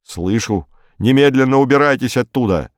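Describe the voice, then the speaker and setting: A man's voice: mid-range voice, expressive, normal speed, no room sound, studio quality, pitched above the performer's own voice, natural voice. A man voicing a sarcastic radio base commander. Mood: sharp. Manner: sharp, sarcastic, curt.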